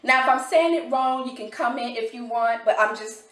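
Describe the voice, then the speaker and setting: A woman reviewing a homeschool curriculum in a casual vlog, talking with excited enthusiasm. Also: on the high side, normal speed, reverberant, recorded from a distance.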